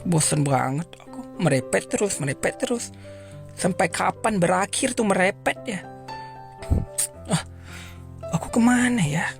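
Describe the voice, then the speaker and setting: A woman's voice: fairly low pitch, lively intonation, measured pace, vocal fry, long pauses. A woman voicing a sulky, resentful teenage girl in a cartoon. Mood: bored. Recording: faint music underneath.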